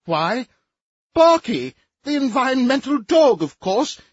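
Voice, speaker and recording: A man voicing a portly, gushing society matron who warbles in a high, fluttering voice. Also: big pitch swings, slow, breathy edge, no echo, muffled recording, heavily acted. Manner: breathless, chirpy, fluttering.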